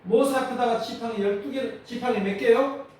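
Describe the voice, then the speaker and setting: Man, pastor, Jeolla accent, high lively voice, distant mic, echoey church hall. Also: normal speed. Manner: animated, calls for congregation responses. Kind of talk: sermon. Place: church sanctuary.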